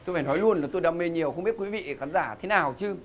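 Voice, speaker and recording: A man's voice: fairly high pitch, very fast. Playful male game show host, noisy studio. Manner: joking, teasing, theatrical emphasis. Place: TV studio stage.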